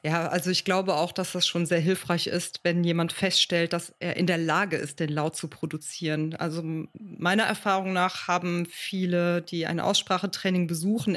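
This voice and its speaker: A woman hosting a podcast interview, talking in a relaxed way with light "äh" fillers and frequent affirming "ja" and "mhm". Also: fairly low pitch. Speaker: podcast host. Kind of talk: conversational interview.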